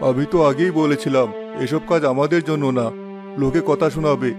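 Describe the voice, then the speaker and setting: A man voicing a cautious but supportive village husband who speaks in a measured, practical way, over background music. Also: on the high side, natural voice.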